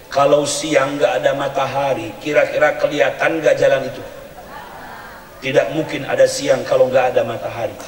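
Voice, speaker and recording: A man preaching a sermon at a community religious gathering, speaking in an animated, humorous way and chanting verses in a sing-song tone. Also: medium pitch. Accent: Indonesian. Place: community event hall or tent. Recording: echoey hall, distant mic.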